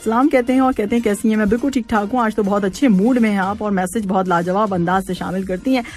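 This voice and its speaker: A woman hosting a radio show in a loose, chatty way, laughing easily and dropping English words into her talk. Her pitch sits in an ordinary middle range. Soft music runs faintly underneath. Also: fairly even intonation, quick pace. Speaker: radio host. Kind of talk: casual radio chat reading listener messages. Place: radio studio.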